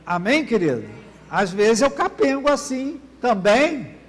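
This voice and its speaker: High-voiced pastor in a reverberant church. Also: male voice, big pitch swings, a little slow. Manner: asks the congregation "Amém, querido?" often. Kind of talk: sermon.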